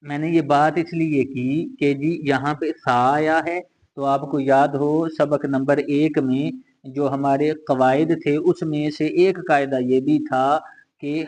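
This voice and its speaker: A man's voice: a little high, a little mellow, rough recording. A man teaching a Quran reading lesson for children, patiently repeating letters and drilling each syllable aloud. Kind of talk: slow step-by-step recitation lesson.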